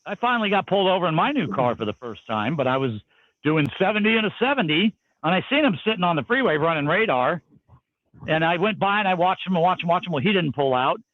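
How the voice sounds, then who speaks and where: A man spins a casual story on a podcast and acts out the dialogue as he goes, his pitch bouncing high and low. His voice is a bit high for a man. The sound is dry and slightly dull. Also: animated, quick pace, no room sound.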